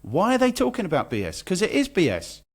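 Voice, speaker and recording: Ranting man, higher-pitched. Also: huge pitch swings, quick pace, slightly rough. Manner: exasperated, ranting, swears freely. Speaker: podcast co-host. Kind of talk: casual chat.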